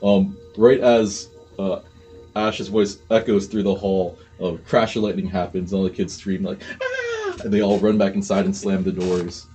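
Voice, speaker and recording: Male game master, low mellow voice, hesitant narrator. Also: little pitch movement, moderate pace, soft background music. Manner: hesitant, full of ums and restarts.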